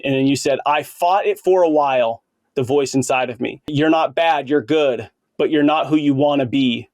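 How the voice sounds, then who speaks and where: A man in his late thirties hosts a casual conversational podcast interview, sounding earnest and informal and using plenty of bro slang. His mid-range voice is a little mellow at a moderate pace, captured in clean studio sound with no room sound.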